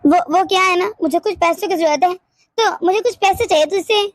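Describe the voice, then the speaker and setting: A woman's voice: extremely high pitch, fairly quick, no echo, clean studio sound. A woman voicing a flustered neighbor aunt in a cartoon who denies lending money. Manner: flustered, denying.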